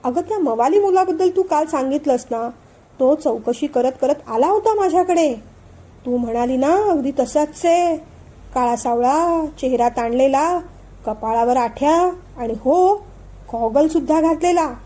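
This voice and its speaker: Woman reading as a gossipy innocent college girl, eager, high mellow tone. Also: a little slow. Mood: excited. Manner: excited, gossipy. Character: chatty naive young college girl.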